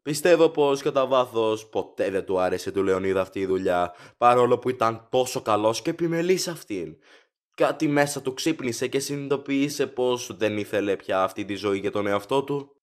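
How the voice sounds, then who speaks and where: A man with a medium-pitched, lightly acted voice plays a courteous factory director in an audio drama. He's formal, chatty and rambling, eager to please, sounding polite as he explains things.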